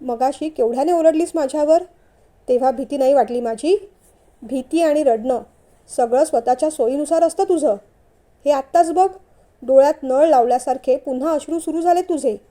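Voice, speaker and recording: A woman's voice: sits high, normal speed, close to an everyday voice. Woman reading as a curt, resentful young husband. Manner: curt, sharp-tongued.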